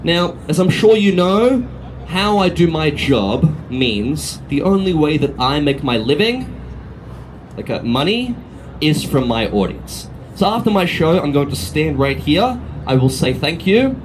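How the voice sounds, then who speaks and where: Animated Australian sword swallower doing street patter. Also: male voice, a little high, unhurried, rough recording. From Australia, from Melbourne. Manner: cheeky showman, teasing the audience and volunteer. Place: outdoor city street. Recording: outdoor street noise with traffic.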